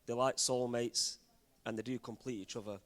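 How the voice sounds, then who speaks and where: A man's voice: mid-range voice, steady tone, normal speed, a bit bright. A man giving a humorous wedding speech and toast to the guests. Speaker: wedding speaker proposing a toast.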